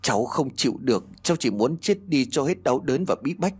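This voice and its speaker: A man's voice: mid-range voice, expressive, brisk, breathy edge. A man narrating a ghost story voices a terrified young man under a curse who stammers and pleads. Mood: desperate.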